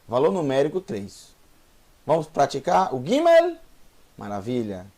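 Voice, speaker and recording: Slow, lively-pitched man teaching. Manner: patient, repeats sounds and drills letter by letter; encouraging, asks the viewer questions. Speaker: Hebrew teacher. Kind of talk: online language lesson.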